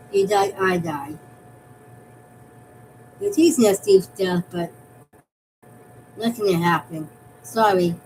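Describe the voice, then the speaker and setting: Rambling woman from Massachusetts, faint rumble. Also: a little mellow, low-quality recording. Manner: rambling, repeats and restarts phrases. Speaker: fan vlogger. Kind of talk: casual fan theory chat.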